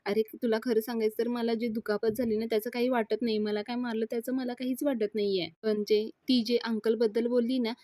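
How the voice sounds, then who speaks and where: A woman's voice: fairly high pitch, flat delivery, brisk, few pauses, mellow, no room sound, lightly acted. A woman voicing a scheming young man who fakes hurt feelings, in a sly, wheedling way.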